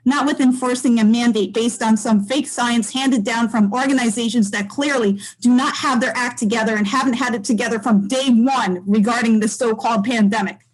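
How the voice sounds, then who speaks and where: A woman's voice: on the high side, rough recording. A woman giving a public comment at a forum, insistent and accusatory, pressing rhetorical questions.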